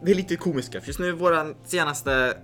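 A young man co-hosting a casual podcast, joking in quick back-and-forth. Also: a little high, fairly bright tone, faint music behind. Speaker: podcast co-host.

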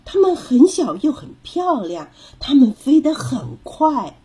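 A woman's voice: high voice, sing-song, unhurried, warm tone, pitched above the performer's own voice. A woman voicing a confident, teasing young girl who leads the way in a storybook reading. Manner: bossy and teasing.

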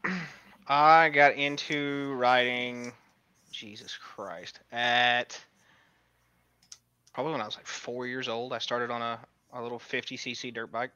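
A laid-back man talks in a bright, forward voice with a dry, close sound. He tells his stories in a relaxed, easy way, with a wry edge to what he says. It sounds like friends chatting around a microphone. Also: medium pitch, unhurried, long pauses, smooth, no room sound. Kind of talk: casual chat.

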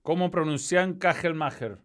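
A man's voice: a little high, normal speed. A man with a Chilean accent hosting a football stream in casual chat, loose and swearing freely as he reads out chat messages. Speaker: football show host.

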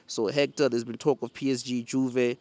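A man's voice: mid-range voice, flat delivery, normal speed, a little mellow, no room sound. Male football fan host, casual and opinionated, urban slang and swearing, level intonation. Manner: slangy urban talk, peppered with bro, fam and mandem.

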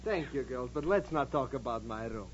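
An actor playing a kindly, grumbling old professor in a 1940s radio comedy, wry, self-mocking and put-upon. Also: male voice, medium pitch, lively intonation, moderate pace, natural voice. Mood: wry, genial. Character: short, bearded, grumbling yet kindly old immigrant professor. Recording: dull, noisy old radio, live audience.

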